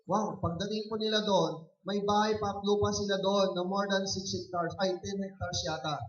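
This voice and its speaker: A man preaching a sermon as a pastor, often shouting calls for applause. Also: sits high, fairly even intonation, moderate pace. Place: church hall. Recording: muffled, echoey church recording from far off.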